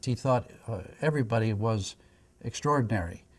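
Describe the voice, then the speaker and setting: Slightly low-pitched reflective man. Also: normal speed. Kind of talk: reflective interview talk.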